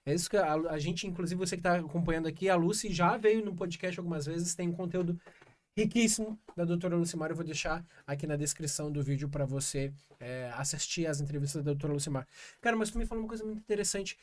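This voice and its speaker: A man with a slightly high voice hosting a casual podcast. He affirms his guests and talks with frequent hesitations and fillers. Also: fast. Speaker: podcast host.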